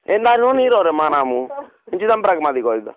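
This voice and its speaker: A man's voice: on the high side, big pitch swings, crowd noise. A man with a Cypriot Greek accent making a radio prank phone call, pleading and rambling theatrically with cooing pet names. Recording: dull radio recording.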